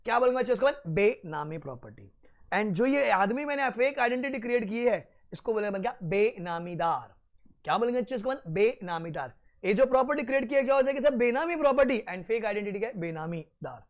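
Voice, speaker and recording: A young man giving an animated law lecture in a mix of Hindi and English with an Indian accent, slowing down to dictate notes and then rushing through asides. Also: high voice.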